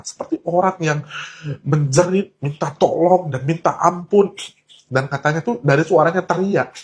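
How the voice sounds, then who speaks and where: A man telling a warning story to his viewers in an urgent, emphatic way, mixing casual slang into his talk. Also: fairly high pitch. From Indonesia. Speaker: online talk host. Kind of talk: earnest warning monologue.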